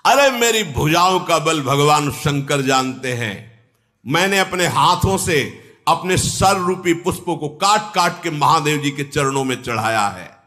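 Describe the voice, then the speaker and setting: A man's voice: a little high, expressive, unhurried, bright, forceful tone. A male preacher voicing an arrogant, boastful demon king with scornful retelling.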